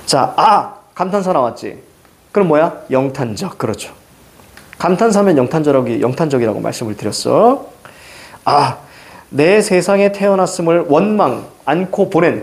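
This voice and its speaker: A middle-aged man teaching Korean literature for exams, lecturing in a lively way and firing quick questions at his students. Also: fairly high pitch. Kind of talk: exam-prep lecture.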